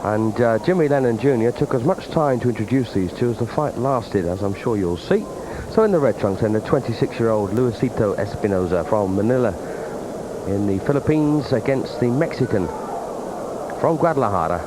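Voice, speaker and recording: A man's voice: medium pitch, animated, brisk. A man giving conversational boxing commentary. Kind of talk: conversational television fight commentary. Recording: clear background arena noise.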